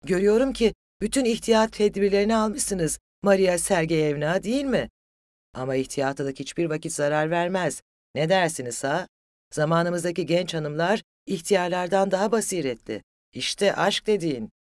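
A hot-headed young suitor, proud and quick to take offense, voiced by an audiobook reader who lifts the voice high and loud for him. His lines come raised, agitated and mocking. The sound is close and dry, with no room around it. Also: no room sound, lightly acted.

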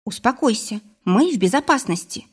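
Woman doing a spirited husky woman. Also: a little high, animated, normal speed, pitched above the performer's own voice. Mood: calm. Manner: reassuring, then exclaiming. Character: determined woman, investigator, excitable.

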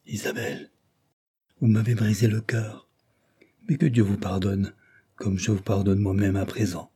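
A man voicing a grave, grieving gentleman in an audiobook reading, with a restrained, somber delivery. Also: fairly low pitch, level tone, measured pace, slightly rough.

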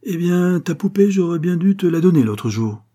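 A man voicing a burly, coarse junk dealer who talks loud and slangy. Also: high voice, expressive, normal speed, breathy edge, voice pushed up. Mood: gruff. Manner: loud, slangy, working-class speech.

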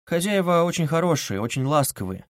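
A man reading aloud, voicing a meek young woman who speaks softly and falteringly, then pleads with growing insistence. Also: on the high side, very animated, a little fast, dry recording, clean studio sound, pitched above the performer's own voice. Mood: timid.

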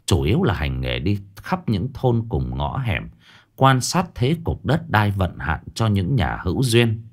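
A man's voice: fairly low pitch, big pitch swings, a little slow. A man narrating a ghost story in a dramatic storytelling manner.

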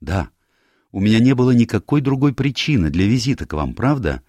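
A man's voice: medium pitch, sing-song, brisk, darkish tone, no room sound, studio quality, pitched above the performer's own voice. A man voicing a frightened, fiery young woman in an audiobook, urgent and pleading. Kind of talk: audiobook character voice.

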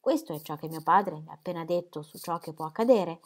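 A woman voicing a sharp-witted, affectionate young woman who teases and speaks warmly, in an audiobook reading. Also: sits low, fast talker. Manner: teasing, affectionate.

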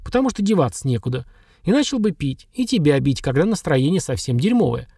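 A man's voice: on the high side, big pitch swings, a little fast, gravelly, dark tone, husky, no echo, studio quality, exaggerated voice. A man voicing a young ex-soldier in a wheelchair in an audiobook, bitter and blunt, then sorry. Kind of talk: audiobook dialogue.

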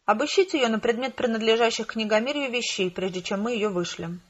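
A man's voice: high-pitched, dull audio. Woman voicing a sorrowful male official. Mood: stern. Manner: sad, measured delivery. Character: weary, sorrowful male official who leads a literary agency.

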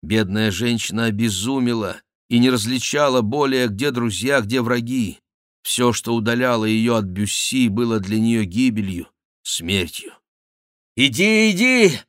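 A man narrating an adventure novel as an audiobook, steady and measured. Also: mid-range voice, no room sound, studio quality.

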